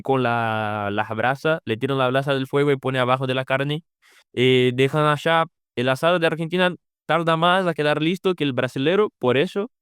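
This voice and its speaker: Speaking Spanish with a Brazilian Portuguese accent, a young adult podcast guest who used to be an exchange student answers interview questions haltingly, looking for words. Portuguese is his native language. His medium-pitched voice has a clear, resonant tone, captured in a dry, studio-quality recording.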